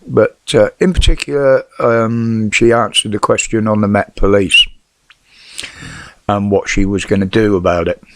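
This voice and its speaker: Middle-aged British male, lowish voice, whistling sibilants, dry sound, blunt and sweary off-the-cuff commentator. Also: little pitch movement, measured pace, fairly bright tone, no room sound. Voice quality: whistling s from false teeth. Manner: blunt, sweary, rhetorical questions. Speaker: vlogger giving news opinions. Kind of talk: casual opinionated news commentary.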